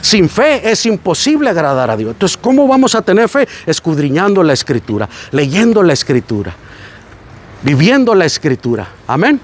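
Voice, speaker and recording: High-voiced Mexican preacher man. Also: normal speed, a little hiss or hum. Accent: Mexican Spanish. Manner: animated storytelling, acting out quoted voices. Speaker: pastor. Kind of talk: sermon on a site visit.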